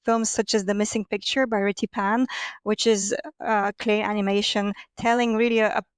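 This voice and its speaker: Bulgarian-accented woman, smooth dry voice. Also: medium pitch, little pitch movement, moderate pace, no room sound. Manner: thoughtful, many fillers. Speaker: guest, film fund head. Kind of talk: interview answers.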